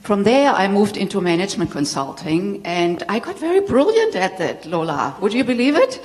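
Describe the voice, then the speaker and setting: Her voice sits in the mid range, a little mellow and sing-song, at normal speed. She's a middle-aged, German-accented tantra teacher sharing her own story with a live audience, candidly and with frequent laughter, in a spiritual center hall that gives a long reverb.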